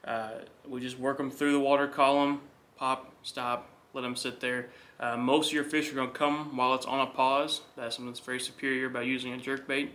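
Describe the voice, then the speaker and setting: A young man co-hosting a fishing channel, explaining technique in a quick, relaxed way with filler words. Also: mid-range voice. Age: young adult. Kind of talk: casual gear talk to camera. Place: indoor living room.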